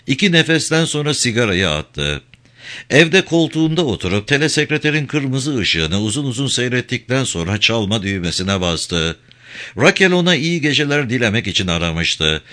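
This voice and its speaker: Man narrating a crime audiobook, bright voice, lots of pitch movement. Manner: expressive reading with voiced dialogue. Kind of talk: scripted narration.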